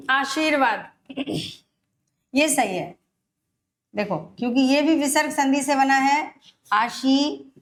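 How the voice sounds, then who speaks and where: High-voiced woman teaching grammar. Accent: Rajasthani Hindi. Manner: explains step by step, repeats words slowly, self-corrects. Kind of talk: exam-prep grammar lesson.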